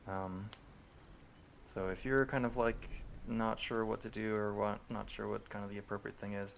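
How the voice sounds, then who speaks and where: Low gravelly male game master on group voice chat, loose and rambling, faint hiss. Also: moderate pace. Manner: relaxed, rambling, with many ums. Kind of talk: running a tabletop horror game.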